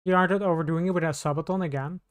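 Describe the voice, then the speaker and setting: A woman's voice: lowish voice, fairly even intonation, very fast. A woman streamer chatting casually on a live stream, rambling and restarting her sentences. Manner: rambling, scattered, with many restarts.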